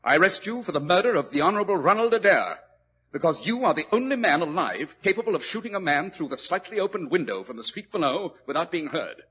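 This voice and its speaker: An actor playing Sherlock Holmes, a cool, triumphant detective with a crisp, ironic manner, in a 1940s radio drama. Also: male voice, high voice, lively intonation, quick pace, pushed and bright, full character voice, rough recording. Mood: cold accusing. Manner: crisp, ironic, self-assured. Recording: old 1940s radio broadcast.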